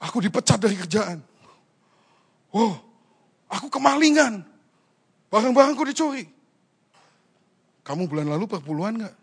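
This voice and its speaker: A male pastor delivers a sermon in a joking, teasing style, peppering his Indonesian speech with English phrases and plenty of rhetorical questions. His voice is high-pitched and slightly rough, with lively intonation at a normal pace and frequent pauses.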